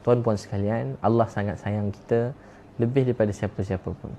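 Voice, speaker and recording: Fast, fervent Malaysian preacher man. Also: on the low side, fairly even intonation, dark tone, slight background noise. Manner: impassioned, repeats key phrases for emphasis. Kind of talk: sermon.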